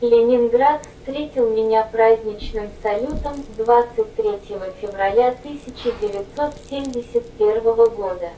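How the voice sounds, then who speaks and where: Female robot voice, synthetic, mellow tone, slightly high, echoey distant sound, faint noise. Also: normal speed, few pauses. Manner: even, mechanical reading. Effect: robot text-to-speech voice. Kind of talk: reading autobiographical notes aloud.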